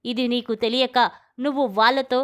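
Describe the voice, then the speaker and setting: Brief: an indignant, accusing young woman, read by a woman narrator, smooth and high. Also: flat delivery, normal speed, a bit bright, natural voice. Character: fierce young woman standing up for her brothers.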